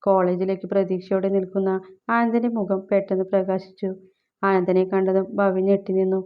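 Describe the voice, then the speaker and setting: A woman reading a scripted story aloud as narrator, in a steady, unhurried manner. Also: medium pitch, narrow, tinny audio.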